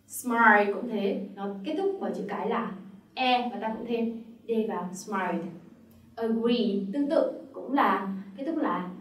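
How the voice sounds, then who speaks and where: A woman's voice: fairly high pitch, unhurried, reverberant, distant mic, low-quality recording. A woman with a Vietnamese accent teaching English grammar, explaining patiently step by step with repeated examples. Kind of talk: classroom-style grammar lesson.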